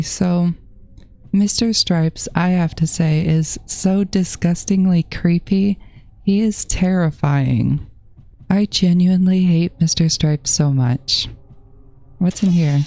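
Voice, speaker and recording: A woman's voice: fairly low pitch, slow pace, pauses often, warm tone. A woman commenting on her horror game playthrough, jittery and repeating panicked phrases to herself. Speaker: gaming channel host. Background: faint background music.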